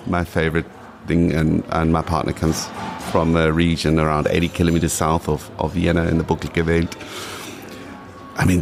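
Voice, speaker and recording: With background noise behind him, a man speaks in a low-pitched voice full of vocal fry. He's in his late forties, from South Africa with a South African accent, and rambles and restarts while chatting as a guest in a casual interview.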